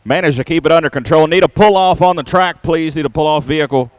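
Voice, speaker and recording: Clear-voiced male tractor pull announcer. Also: on the high side, fast, dry recording.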